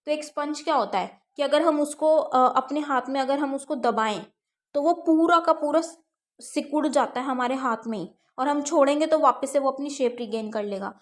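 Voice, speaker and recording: A woman with a high, light voice teaches an exam-prep science class, reading each textbook line slowly and then explaining it plainly. She goes step by step, asking questions and answering them herself.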